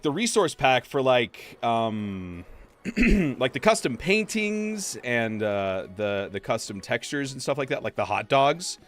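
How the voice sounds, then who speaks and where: Young man, streamer, lively up-and-down voice, chatty with viewer messages, faint music underneath. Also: medium pitch. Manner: chatty, reads and answers chat, many fillers. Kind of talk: casual livestream chat while playing.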